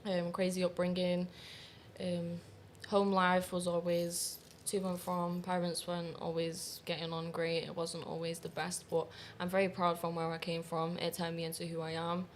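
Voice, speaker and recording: This Manchester woman, a professional dominatrix, is a guest in a casual interview, confident and candid, laughing easily. Her voice is fairly low and monotone at a moderate pace, with a little hiss or hum in the recording.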